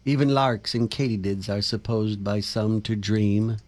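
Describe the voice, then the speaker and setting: A male radio morning show host reading a passage aloud in a hushed, ethereal, dreamy voice. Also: on the low side, fairly even intonation, a little slow, very noisy. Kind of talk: casual radio chat, reading book openings aloud.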